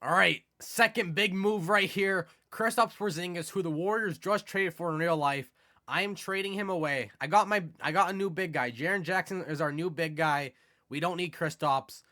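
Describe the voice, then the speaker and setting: A man's voice: on the high side, normal speed, pushed and bright. A man with a stuffy, congested nose from a cold, giving casual, conversational gameplay commentary as host of a video. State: has a cold. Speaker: video game content creator, host.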